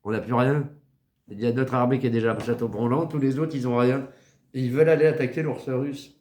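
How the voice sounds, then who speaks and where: A man's voice: mid-range voice, steady tone, brisk, darkish tone, a little hiss or hum. A man from France giving a casual satirical monologue, mocking, rambling and crude, with lots of filler words. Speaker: satirical commentator.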